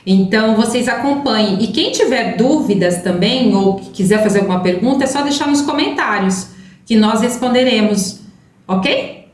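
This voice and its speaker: A woman co-hosting a spiritual talk, explaining gently and often adding "né?" tags. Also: a little high, lively intonation, normal speed. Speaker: spiritual channel co-host. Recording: roomy with faint background hiss.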